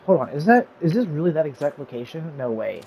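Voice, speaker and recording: His voice is fairly high, sing-song, creaky, and darkish, and he talks at a quick clip. A gaming YouTuber narrating a casual gameplay tutorial, he rambles with heavy fillers, gets distracted easily, and says he's losing his voice. The poor audio carries a little hiss or hum.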